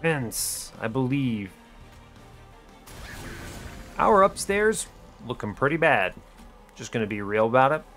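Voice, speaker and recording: This gaming video host offers casual play-by-play, his remarks short, understated and dry, while music plays in the background. He has a mid-range, fairly bright voice.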